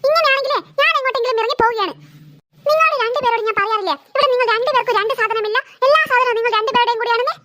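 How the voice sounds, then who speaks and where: A fed-up cartoon mother who scolds her bickering daughters, played by a woman. She nags in a very high, bright voice. Her lines come quickly, with a dry, close sound. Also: no room sound. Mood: exasperated. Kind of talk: cartoon voice acting.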